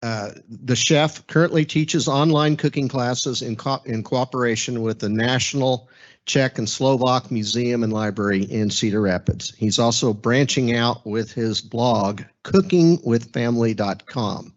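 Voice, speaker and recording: A man hosting an event, reading a speaker introduction with relaxed asides and fillers. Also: mid-range voice, measured pace, dull audio. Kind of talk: introduction speech.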